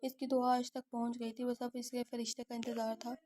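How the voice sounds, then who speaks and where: Woman reading an audio novel, slightly high, even, dry sound. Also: brisk, dry recording. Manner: reads all characters in her own voice.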